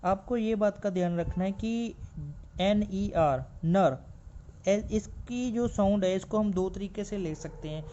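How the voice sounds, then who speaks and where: A male shorthand teacher giving a classroom explanation, asking and answering his own questions and repeating each rule slowly. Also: sits high, dark tone, dull audio, a little hiss or hum.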